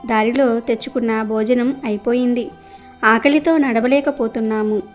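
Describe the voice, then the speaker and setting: A woman's voice: a little high, steady tone, normal speed, faint music behind, close to an everyday voice. Woman voicing a polite elderly pilgrim man. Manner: polite, humble.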